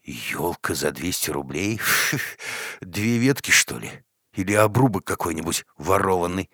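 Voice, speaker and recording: A man's voice: low-pitched, expressive, unhurried, fairly bright tone, slightly rough, no echo, studio quality, pitched above the performer's own voice, exaggerated voice. Man voicing a bewildered middle-aged working man. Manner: confused, defensive, rambling.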